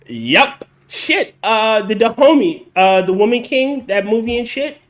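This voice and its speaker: Very animated and fairly bright, this man's high voice moves at a measured pace. Hosting a casual podcast, he's blunt, curses freely, and lectures at length to get his point across.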